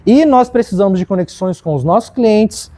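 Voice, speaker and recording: A man with a Brazilian Portuguese accent giving a workplace leadership training, acting out examples in a lively way. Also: high-pitched, moderate pace.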